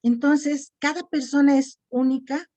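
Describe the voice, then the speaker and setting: A woman's voice: high-pitched, fairly even intonation, measured pace, mellow. A middle-aged woman lecturer, explaining patiently and checking in with her listeners often. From Mexico. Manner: didactic, checks in with frequent "¿sí?". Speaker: lecturer on self-esteem. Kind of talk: online lecture and Q&A.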